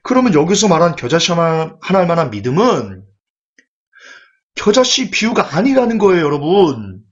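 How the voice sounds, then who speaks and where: A man preaching a sermon in an animated, rhetorical way, acting out quoted voices as he goes. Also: on the high side, normal speed. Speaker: pastor. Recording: dull lo-fi recording.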